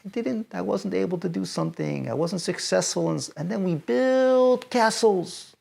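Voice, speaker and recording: A man, a rabbi, gives emphatic advice to teenagers, repeating phrases and building to loud peaks. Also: high voice, fairly quick, creaky, husky.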